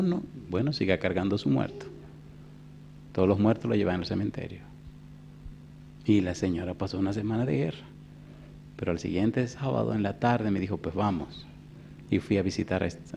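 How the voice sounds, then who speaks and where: A man in his fifties preaching a sermon as pastor, telling a story in a hushed voice and then rising into loud, emphatic preaching. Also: on the low side, creaky, a little hiss or hum. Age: 50s. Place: church.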